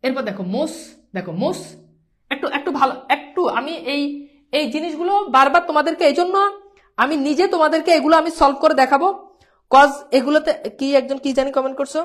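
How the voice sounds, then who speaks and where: A woman's voice: high voice, fairly even intonation, quick pace. A woman teaching a live online grammar lesson, quizzing her students and repeating each pronunciation several times. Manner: sprinkles English words into speech.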